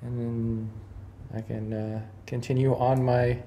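A man filming his own basement renovation, calmly talking through the work as he goes and thinking out loud with small restarts and fillers. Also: mid-range voice, takes it slowly, slight background noise. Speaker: DIY home renovator. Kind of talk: casual first-person narration. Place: unfinished basement room indoors.

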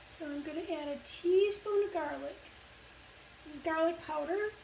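Older woman, very high voice, patient cooking lesson, echoey kitchen from a distance, faint sizzle behind. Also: moderate pace, gravelly, a little mellow, slight background noise. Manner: patient, step-by-step explaining. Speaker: library cooking instructor for kids. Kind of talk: cooking demonstration. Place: home kitchen, indoors. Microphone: far camera. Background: faint sizzling of frying meat.

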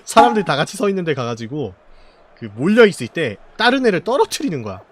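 A man streaming a party game, commenting live, often yelling and laughing at the action and cursing at rival players. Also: a little high. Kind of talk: excited gameplay commentary.

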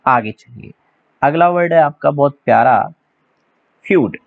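A man's voice: a little high, normal speed, vocal fry. Guy teaching exam vocab, jokey and chatty, spells stuff out, kinda lo-fi sound. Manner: chatty, joking, spells words out letter by letter. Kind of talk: exam-prep English vocabulary lesson. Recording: slightly dull lo-fi audio.

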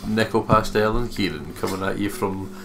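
A man co-hosting a let's play reads the on-screen text aloud, mixing it with casual commentary and joking asides. His voice is gravelly and fairly low, at a normal speed, against a noisy background.

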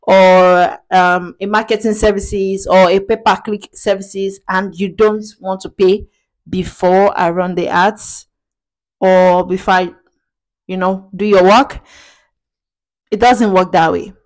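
A woman's voice: mid-range voice, fairly even intonation, slow pace. A young adult woman, a digital marketing agency owner, talking casually and directly to her viewers. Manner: direct, matter-of-fact, with fillers. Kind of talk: casual talk to camera.

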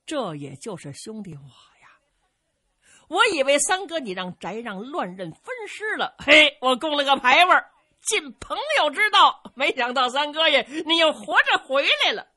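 A woman's voice: big pitch swings, normal speed, full character voice. Woman doing a wailing brash warlord. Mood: sheepish. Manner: wailing high and loud in mock grief. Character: loud brash male warlord, crafty and shameless.

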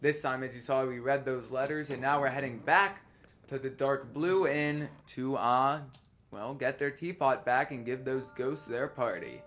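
A man's voice: medium pitch, measured pace, fairly bright tone, a little hiss or hum. A teenage boy hosting a let's play, chatting casually with lots of ums and a slight lisp from a retainer. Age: teens. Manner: chatty, rambling with many ums. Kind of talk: casual gameplay commentary.

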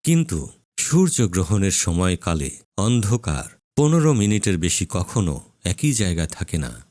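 Male preacher, deep-ish and very expressive, dry close recording. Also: no echo. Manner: slow, solemn, emphatic with drawn-out pauses. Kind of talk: dramatic sermon narration.

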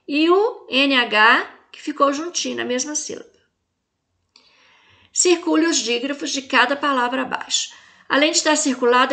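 Brazilian woman teacher for a kids' video lesson: fairly high, bright voice, careful spelling of each letter. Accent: Brazilian Portuguese. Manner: spells out letters and stresses each word for the children. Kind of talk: slow video lesson for young children.

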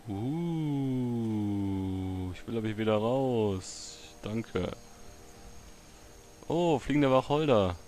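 A man giving casual let's play commentary, muttering to himself with excitable outbursts. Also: mid-range voice, takes it slowly, pauses often.

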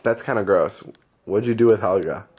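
A man's voice: fairly low pitch, normal speed, a little mellow. A young man vlogging at home in casual chat, playful and giggly, laughing often.

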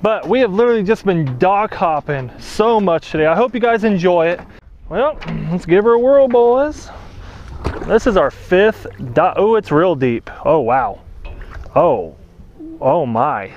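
An excitable young man narrates his outdoor magnet fishing into a body-worn action camera, his voice pitched high. He chats easily with viewers, and the audio sounds slightly dull with faint outdoor noise. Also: unhurried. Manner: excitable, chatty, keeps addressing viewers as boys. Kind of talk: excited outdoor vlog commentary. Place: outdoors on a lake dock and shore.

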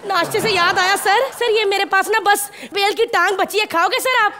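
A cheeky blind young wife. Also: female voice, very high-pitched, sharp tone, slight background noise. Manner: quick, cheeky comebacks. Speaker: comic sketch wife. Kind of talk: live stage comedy sketch. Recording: live studio with music playing.

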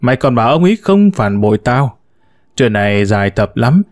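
A man's voice: medium pitch, big pitch swings, brisk, dry recording, studio quality, close to an everyday voice. A man voicing an older widowed mother who scolds her grown sons with venom, in a storybook reading. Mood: bitter. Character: sharp-tongued older widow, furious mother.

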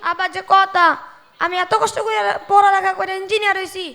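A man's voice: very high voice, little pitch movement, a little fast, sharp tone, heavily acted. A young male actor playing a self-important engineer son who brushes off his father, speaking colloquial Bangladeshi Bengali. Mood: pompous. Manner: pompous, dismissive. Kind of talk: amateur stage drama.

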